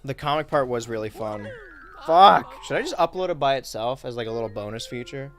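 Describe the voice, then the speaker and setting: Young male streamer, mid-pitch, wry and easygoing, faint game music under him. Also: very animated, a little fast. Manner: laid-back, wry, reads chat aloud while playing. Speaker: streamer and YouTuber. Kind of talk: casual gaming livestream chat.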